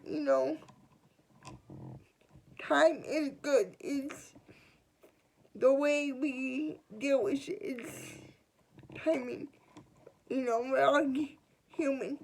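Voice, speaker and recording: A twenty-year-old woman vlogger telling a personal story in a halting, earnest way, often restarting her words. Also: sits high, creaky, poor audio. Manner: halting and earnest, with frequent restarts and trailing pauses. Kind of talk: personal confessional storytime vlog.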